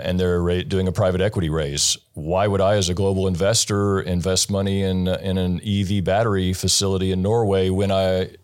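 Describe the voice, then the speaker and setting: Deep-voiced american guy, investor being interviewed, slow and steady, lots of ums. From United States. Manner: measured, explanatory, with many fillers. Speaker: guest investor. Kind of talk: interview answers.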